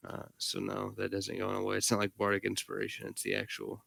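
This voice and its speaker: A man narrating as game master for a tabletop game, halting and full of fillers as he describes the scene. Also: fairly low pitch, monotone, gravelly, fairly bright tone, dry recording.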